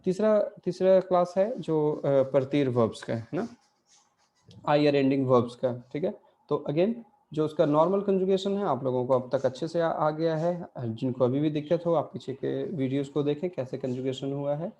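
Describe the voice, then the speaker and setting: A man's voice: a little high, normal speed, warm tone. A man teaching an online language class, explaining grammar step by step and answering his own questions.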